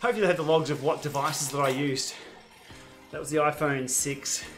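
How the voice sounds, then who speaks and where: An Australian man streams his indoor ride live, out of breath and talking in short, puffed phrases. He breaks into excited whoops now and then. Faint music plays in the background. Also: fairly high pitch, fairly quick. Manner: breathless, excitable bursts and shouts of encouragement. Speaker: cycling channel host.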